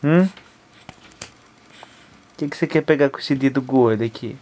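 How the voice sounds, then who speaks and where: A man's voice: medium pitch, normal speed, a little mellow. A father filming his baby at home in a bedroom, coaxing her in playful baby talk with chuckles. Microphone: phone camera held while filming.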